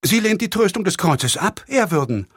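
A scheming middle-aged priest, read by a male audiobook narrator, heaping unctuous flattery on his superior. His voice sits somewhat above the reader's own and moves expressively. The sound is dry and close. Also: high voice, normal speed, husky, dry recording, pitched above the performer's own voice, heavily acted. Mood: smooth flattery.

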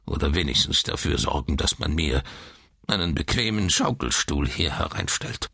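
A man's voice: very deep voice, expressive, moderate pace, gravelly, pushed and bright, husky, no room sound, studio quality, full character voice. A man voicing a peevish newborn who is seventy years old, with a cracked, quavering voice and a whining manner. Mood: whiny.

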